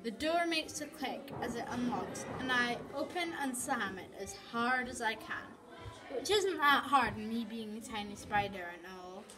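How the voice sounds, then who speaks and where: A woman reading her own story aloud, slowly and haltingly, with restarts. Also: a little high, animated, over music, low-quality recording. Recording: voice from off the mic, people chattering behind.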